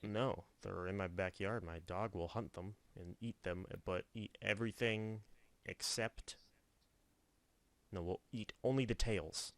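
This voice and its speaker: A man co-hosting a casual podcast chat, teasing his friend with deadpan wisecracks. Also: on the low side, a little slow, dry recording. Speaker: podcast co-host.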